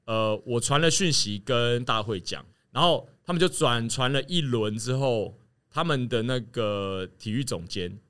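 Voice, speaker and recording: A man telling a story in casual chat, animated and laughing as he acts out what others said. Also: medium pitch, unhurried, clear, resonant tone. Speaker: podcast guest telling a story.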